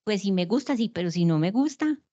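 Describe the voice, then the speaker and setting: A woman's voice: medium pitch, expressive, a little fast, mellow, dull audio. Woman giving an online lecture. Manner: explanatory, asks rhetorical questions.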